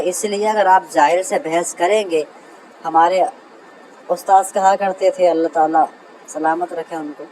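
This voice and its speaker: A man teaching Arabic grammar in a lecture, who keeps calling his listeners brother, reads example sentences slowly and answers his own questions. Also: a little high, a little mellow, slight background noise, poor audio. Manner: asks a question and answers it himself. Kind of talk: classroom lecture.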